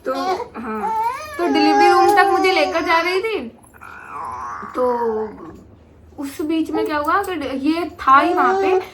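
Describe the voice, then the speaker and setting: A woman's voice: extremely high pitch, measured pace, long pauses, background noise. A young woman telling a story in casual chat, acting out her own cries and other people's lines. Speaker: vlogger.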